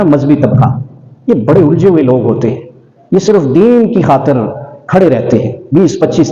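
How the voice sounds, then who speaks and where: A man preaching in an earnest, admonishing way, his voice mellow and raised a little high. The sound is dull and lo-fi, with a long echo from a large hall. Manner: earnest, admonishing, slips into Punjabi. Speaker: religious scholar. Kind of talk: sermon-style talk with anecdotes.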